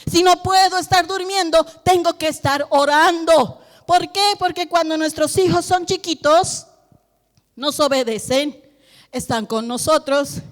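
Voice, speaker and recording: A middle-aged woman pastor preaching a sermon in a church, animated and acting out family conversations. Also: high-pitched, in a large hall. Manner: animated, acts out family dialogues.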